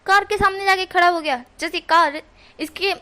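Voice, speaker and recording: A woman voicing a gruff, dismissive young male wolf-man who talks in curt, scornful slang. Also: high-pitched, normal speed, bright, forceful tone. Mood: mocking.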